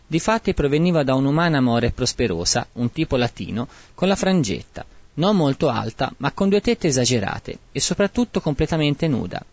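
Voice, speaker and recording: Lively man narrating a bawdy comic tale. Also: on the high side, a little fast, hardly any pauses, dry recording. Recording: dry, dull lo-fi recording.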